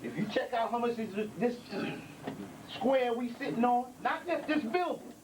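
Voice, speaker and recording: An extremely high-pitched voice at normal speed belongs to a middle-aged elder preaching to young members of a community gathering, stressing points repeatedly in street vernacular. The recording comes from a handheld mic at a distance inside a building, with background noise.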